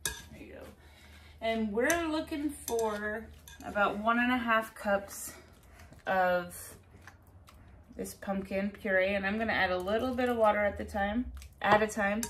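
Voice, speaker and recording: Hosting an informal cooking tutorial in her home kitchen, a woman chats and instructs a helper step by step, her mid-range voice a bit bright and measured, with long pauses. There's a little hiss or hum along with the clinking of dishes, cutlery and utensils.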